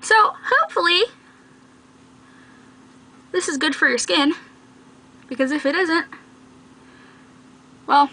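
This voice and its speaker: Young woman, high bright voice, playful teasing vlog chat, small bedroom, camera mic. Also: takes it slowly, long pauses. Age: young adult. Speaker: video blogger. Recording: noisy home webcam-style recording.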